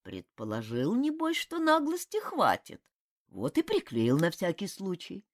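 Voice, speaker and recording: For an audiobook, a woman voices a crafty old male house spirit, fully in character with rustic village speech and a grumbling, folksy mood. Her voice is lowish and unhurried, with wildly swooping pitch and no echo.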